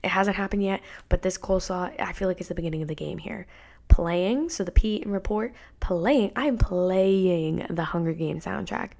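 A woman's voice: mid-range voice, brisk, a little mellow. A woman, hosting a casual solo podcast in a chatty, candid, rambling way, full of "like" fillers. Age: 20s. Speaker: podcast host.

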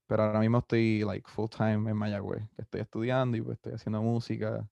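A young man in his early twenties with a Puerto Rican Spanish accent and a low, gravelly, mellow voice. He talks in a flat, relaxed, rambling way, full of fillers. The sound is dry and close. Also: quick pace, dry recording, lo-fi sound. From Puerto Rico. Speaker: musician guest. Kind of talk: casual interview, mixing Spanish and English.

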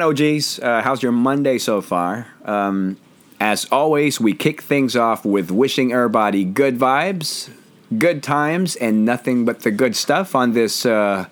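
A man hosting a relaxed home podcast, his voice hoarse and roughened as he jokes about himself. His pitch swings widely and freely as he rambles from one thought to the next. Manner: jokey, rambling, self-deprecating. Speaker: podcast host. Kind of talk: casual chat.

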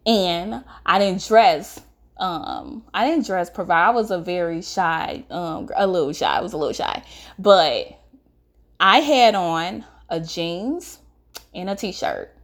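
A young adult woman telling a painful personal story straight to her viewers, earnest and emotional, halting and restarting as she speaks. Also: mid-range voice. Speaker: vlogger. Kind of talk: personal testimony to camera.

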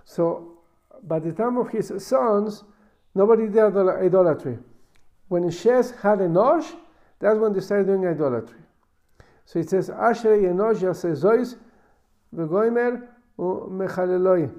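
A man giving a Talmud lesson as a religious teacher, reading and explaining in a halting, emphatic way with repeated words. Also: sits high, mellow. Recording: dull, lo-fi recording.

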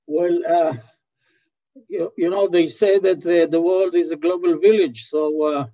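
A man in his eighties from Israel with an Israeli accent, answering interview questions slowly with many hesitations over a remote call. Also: high-pitched, steady tone, dark tone. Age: 80s. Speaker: guest. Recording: dull lo-fi call audio.

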